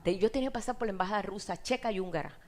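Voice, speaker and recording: Middle-aged Cuban woman preacher, expressive testimony delivery with rising emotional peaks. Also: mid-range voice, racing, a little hiss or hum. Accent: Cuban Spanish. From Cuba. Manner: animated storytelling, laughs often, voice rises in emotional peaks. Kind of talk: sermon testimony.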